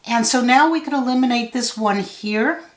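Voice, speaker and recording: A woman giving a solve-along tutorial, thinking out loud step by step in a measured way. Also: a little high. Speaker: puzzle tutor. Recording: roomy, echoey sound.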